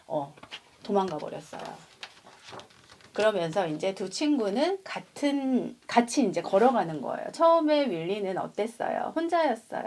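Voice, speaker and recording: A woman in her thirties reading a picture book aloud to expecting mothers, pausing to comment and speaking to them directly. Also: medium pitch. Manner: expressive, addresses mothers directly. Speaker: prenatal storyteller for mothers.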